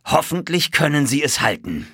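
A man voicing an agitated older colonel who owns racehorses, speaking loudly and excitably in a raised voice. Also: fairly high pitch, normal speed, slightly rough, dry recording, clean studio sound, pitched above the performer's own voice, heavily acted. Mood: indignant. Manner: loud, excitable, indignant. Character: agitated older male horse-owning colonel.

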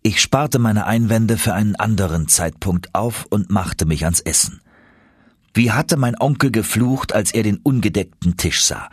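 Husky male audiobook narrator. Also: fairly low pitch, unhurried, dry recording, clean studio sound. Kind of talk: first-person audiobook narration.

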